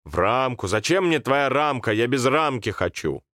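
A man's voice: mid-range voice, lively intonation, normal speed, a bit bright, dry recording, clean studio sound, voice pushed up, lightly acted. A man voicing a stubborn, sickly young boy in a storybook reading, insisting and pleading. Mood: sulky.

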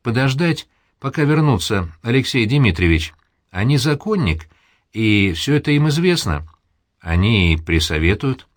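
Man playing a brisk sensible housemaid, quick and practical, voice raised high, dry. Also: no echo, natural voice. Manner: lively, matter-of-fact.

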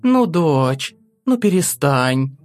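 A gentle noblewoman with a soft, calming voice, pitched a little higher, as a male narrator puts her on. She soothes her husband and her daughter in a storybook reading. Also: extremely slow, full character voice. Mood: soothing.

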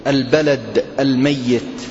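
A man teaching a classroom Quran lesson, speaking slowly and deliberately and putting questions to his students. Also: mid-range voice, steady tone, creaky, darkish tone. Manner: slow, deliberate, quizzing students. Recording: lo-fi echoey hall recording with faint hiss.

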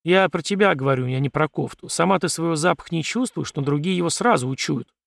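A man's voice: fairly high pitch, fast, creaky, no room sound. A man voicing a wary, practical male survivor who speaks in a dry, bossy, mocking way in an audiobook.

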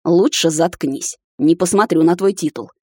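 A woman's voice: on the low side, moderate pace, a little mellow, no echo, studio quality, close to an everyday voice. A woman voicing a huge, jealous male captain who growls his threats. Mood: angry.

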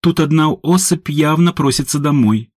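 A man voicing a cheeky, sharp-tongued young woman who mocks her rival. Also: fairly high pitch, normal speed, no echo, clean studio sound, voice pushed up, lightly acted. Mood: calm mockery. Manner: mocking, brash.

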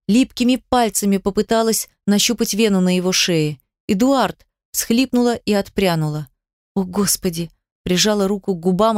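A woman's voice: medium pitch, a little mellow, dry recording, clean studio sound. A woman giving emotional first-person narration of a dramatic story in a tearful tone. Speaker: audiobook narrator.

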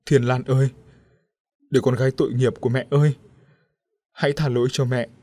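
A man's voice: medium pitch, a little fast, a little mellow, dry recording, clean studio sound, lightly acted. A man voicing a grieving middle-aged mother who cries out tearfully in a storybook reading. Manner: wailing, tearful.

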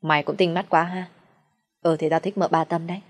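A woman voicing a calm young gentleman who answers curtly and drily. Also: fairly low pitch, fairly quick, lightly acted. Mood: calm dry. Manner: curt, dry.

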